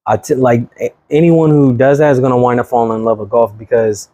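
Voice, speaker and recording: A man's voice: mid-range voice, steady tone, fairly quick, mellow, no room sound. A man in his thirties from Sacramento, California, a real estate agent talking as a podcast guest in an easygoing, slangy way. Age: 30s. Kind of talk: casual chat.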